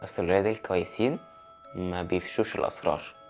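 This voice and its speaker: A creepy old woman speaks with quiet, firm confidence, as a man quotes her in his story. She talks quickly and persuasively. Faint music plays underneath. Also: low voice, fairly even intonation, natural voice.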